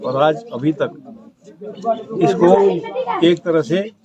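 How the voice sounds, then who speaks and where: A man's voice: a little high, very slow. A middle-aged man, a politician, speaking earnestly and repetitively to villagers in an outdoor campaign speech, self-assured in tone. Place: village courtyard in rain. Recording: dull lo-fi outdoor recording with crowd.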